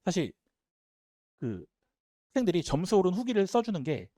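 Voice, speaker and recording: A man's voice: sits high, no room sound, clean studio sound. A man who teaches Korean language, giving an emphatic talk at an admissions seminar. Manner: emphatic, talks fast and animated.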